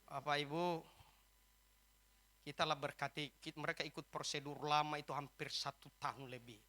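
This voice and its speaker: Bright-voiced male preacher telling a story. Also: on the high side, little pitch movement, moderate pace. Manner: storytelling, quoting dialogue, rising to loud emphatic peaks. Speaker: pastor. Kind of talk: sermon with acted anecdotes. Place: church service.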